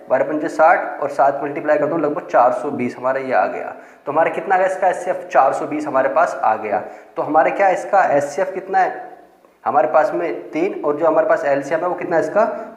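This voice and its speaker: A man's voice: on the high side, roomy sound, rough recording. A man teaching math, who explains step by step and asks and answers his own questions. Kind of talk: classroom lesson explanation.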